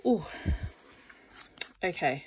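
A card-opening vlogger chats casually while unboxing trading card packs, gasping and exclaiming at what she pulls. She draws out her words, and there's slight background noise.

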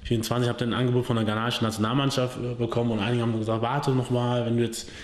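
Fast-talking man in a roomy space. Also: mid-range voice, little pitch movement. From Germany. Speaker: interviewee in a documentary. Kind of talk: documentary interview. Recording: roomy with background hum.

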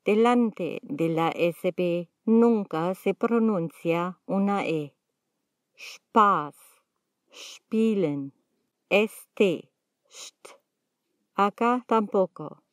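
A woman teaching pronunciation, sounding out single letters and words one by one in a calm, measured lesson. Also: medium pitch, no echo, studio quality. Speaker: language teacher. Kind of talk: slow, deliberate pronunciation lesson.

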